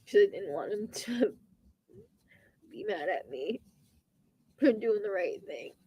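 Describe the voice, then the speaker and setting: A woman on the witness stand under courtroom examination, giving brief, plain, halting answers to questions. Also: mid-range voice, very animated, warm tone, husky. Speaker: witness testifying.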